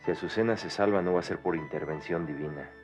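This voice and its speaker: An actor playing a proud, bitter orphaned young man in a 1990s Mexican telenovela, speaking gravely with a Mexican Spanish accent. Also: deep voice, music in the background, close to an everyday voice. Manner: grave, bitter, measured delivery. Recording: dull lo-fi TV audio, faint score.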